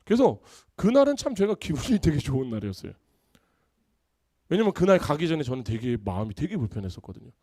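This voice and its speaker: A man's voice: fairly high pitch, very animated, quick pace, a little mellow, dry recording, clean studio sound. A pastor preaching a Sunday sermon, telling stories and acting out his friends' voices.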